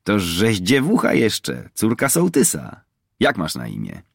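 Man reading a cocky young highland marksman, bold and teasing, gravelly tone. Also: wildly swooping pitch, measured pace, no echo, clean studio sound, exaggerated voice. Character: young male mountain poacher, proud and bold. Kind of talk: audiobook character reading.

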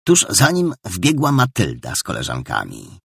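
Low, gravelly male audiobook narrator. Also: huge pitch swings, normal speed, fairly bright tone, dry recording, clean studio sound. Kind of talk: scripted narration.

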